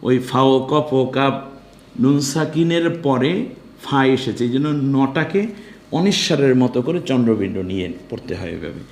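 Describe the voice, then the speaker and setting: This Quran recitation teacher has a mid-range, darkish voice with lively intonation and some vocal fry, echoing around the room. Step by step, he spells out syllables slowly, lays out pronunciation rules, and then chants verses in a drawn-out style.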